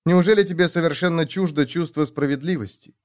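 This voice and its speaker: A man's voice: a little high, fairly quick, pitched above the performer's own voice, lightly acted. A man voicing a bitter, wounded woman warrior who demands answers. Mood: demanding. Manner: sharp, demanding questions.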